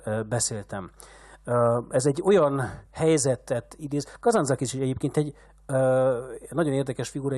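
A man's voice: mid-range voice, a little mellow, no room sound, clean studio sound. A man giving a literature lecture, hesitant and full of filler sounds.

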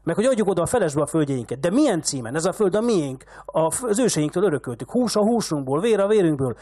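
A man reading aloud as a furious old rich village patriarch who shouts insults and rants at a younger man. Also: extremely high pitch, animated, pitched above the performer's own voice. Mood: raging.

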